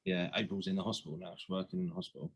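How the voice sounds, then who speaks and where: A man's voice: low-pitched, little pitch movement, racing, husky, rough recording. A man hosting a casual interview, chatty and teasing, with playful jokes. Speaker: podcast host.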